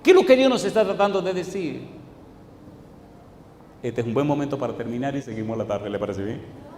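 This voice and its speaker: A man's voice: animated, brisk, slight background noise. Echoing preacher man, emphatic and questioning. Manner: emphatic preaching full of rhetorical questions to the congregation; swings between loud declaiming and quiet low asides. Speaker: pastor. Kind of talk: sermon. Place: church sanctuary. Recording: echoey church hall with long reverb.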